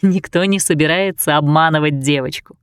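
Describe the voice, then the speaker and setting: A woman reading aloud, voicing an affectionate old fairy nanny who soothes and gently scolds. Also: deep voice, moderate pace, smooth, dry recording, clean studio sound, pitched below the performer's own voice, natural voice. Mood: fussing.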